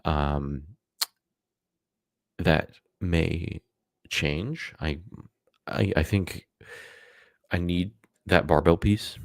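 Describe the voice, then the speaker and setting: Very deep-voiced man rambling on stream. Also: drawn-out words, pauses often, dry recording, studio quality. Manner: rambling, many fillers and self-corrections. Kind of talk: casual live-stream talk.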